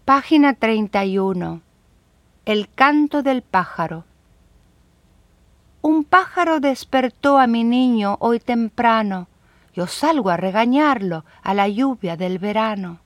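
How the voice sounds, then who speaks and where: A woman reading children's poems aloud in a measured, rhythmic recitation. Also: on the high side, animated, no room sound. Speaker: reader.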